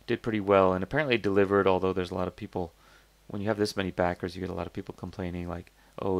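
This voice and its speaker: Reviewing crowdfunding products, a host talks in a loose, rambling, skeptical and conversational way, stopping and restarting as he thinks aloud. His voice is a little low with a gravelly edge, and the sound is close and dry with no room sound at all.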